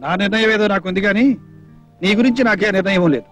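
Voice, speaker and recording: A man's voice: high voice, fast, natural voice. A man playing a stern, upright young man in an old film drama, speaking curtly and firmly. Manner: curt, firm, dismissive. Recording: old film soundtrack with music.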